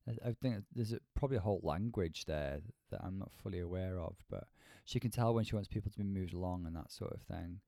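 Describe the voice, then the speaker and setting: A man with a lowish voice talks through a critique as a co-host, choosing his words in an articulate, measured way. The sound is close and dry. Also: creaky, warm tone, no echo. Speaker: podcast co-host reviewing a TV show. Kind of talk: conversational critique.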